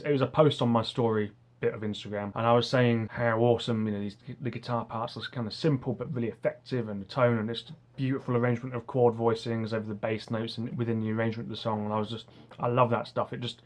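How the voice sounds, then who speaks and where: A man with soft R sounds, saying w for r, talks casually to camera like an online music teacher, earnest, enthusiastic and rambling. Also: lowish voice.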